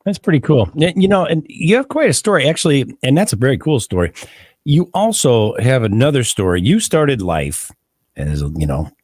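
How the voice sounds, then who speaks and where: Male host, animated pitch, chatty and encouraging, dry sound. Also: normal speed, no echo. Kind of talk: interview conversation.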